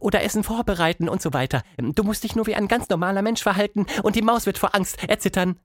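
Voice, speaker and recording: A man voicing a boisterous male monster in a children's story, who calls out in grand, drawn-out announcements like a circus showman. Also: high voice, no echo, clean studio sound, voice pushed up. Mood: explaining eagerly.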